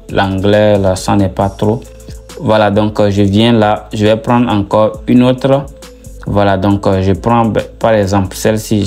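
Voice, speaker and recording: A man hosting a screen-recorded software tutorial, talking hesitantly with many fillers as he clicks through steps. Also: lowish voice. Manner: hesitant, many "donc, euh" and "voilà" fillers. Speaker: tutorial host.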